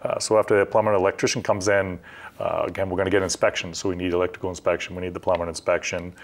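Fast-talking deep-voiced contractor explaining steps. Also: male voice, level tone. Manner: practical, step-by-step, conversational with fillers. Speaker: construction company owner, guest. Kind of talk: explanatory interview talk. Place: TV studio set.

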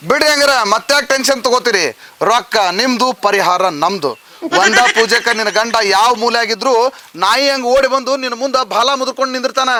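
Sly North Karnataka disciple. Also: male voice, very high-pitched, fairly quick, pushed and bright, slight background noise. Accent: North Karnataka Kannada. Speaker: godman's disciple in a comedy skit. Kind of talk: scripted comedy sketch acting. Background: background music.

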